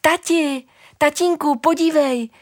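A woman voicing an eager small village boy in a storybook reading, exclaiming excitedly. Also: sits high, dry recording, clean studio sound, pitched above the performer's own voice, natural voice. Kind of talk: storybook narration.

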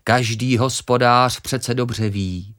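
A reader gives voice to a small grain of wheat in a children's story, portraying it as patient and wise. The mid-range delivery, close to an everyday voice, is calm, gently reasoning and coaxing.

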